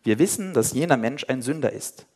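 A man's voice: medium pitch, animated, brisk, a little mellow, husky. A man leading a Bible study, explaining informally to his listeners, then reading a passage aloud and lightly voicing the quoted speakers. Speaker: Bible teacher.

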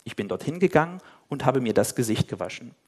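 A man's voice: medium pitch, very animated, fast, a little mellow, breathy edge. A man voicing a formerly blind man who plainly recounts how he was healed, read aloud in a Bible reading. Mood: plain retelling.

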